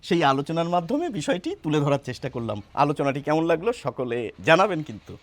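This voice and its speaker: A man teaching a spelling and pronunciation lesson, explaining step by step and asking the viewers questions, with drawn-out hesitation sounds. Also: fairly high pitch, very animated. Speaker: Bengali language teacher.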